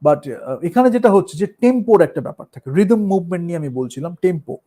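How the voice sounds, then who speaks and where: A man with a Bengali accent, a musician and performer, talking in a casual, thoughtful way, slipping English phrases into his speech and pausing with fillers. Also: high-pitched, lively intonation, warm tone. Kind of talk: casual talk on art and performance.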